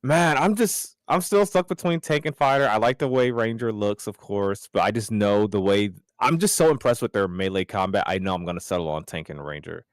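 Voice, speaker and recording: A man co-hosting a casual gaming podcast, rambling and excitable, his voice jumping up high when he jokes. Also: brisk, few pauses, no room sound, studio quality. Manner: excitable, rambling, jumps up in pitch when joking. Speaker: podcast co-host.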